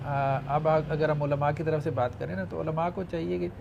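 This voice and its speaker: A man with a somewhat raised voice makes calm, conciliatory points in a discussion. Faint ambient noise sits behind him. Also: on the high side, creaky, lo-fi sound. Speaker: discussion participant. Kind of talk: panel discussion.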